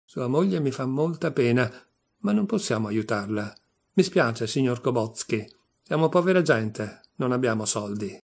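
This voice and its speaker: A man reading a story aloud, voicing a jealous, sharp-tongued middle-aged baker's wife who scolds shrilly. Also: mid-range voice, lively intonation, normal speed, creaky, husky. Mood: cold. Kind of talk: audiobook reading.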